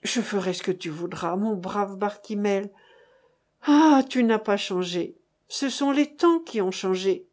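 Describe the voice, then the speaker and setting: A man's voice: sits high, measured pace. Woman voicing a frightened hunted man. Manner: pleading, plaintive, hushed.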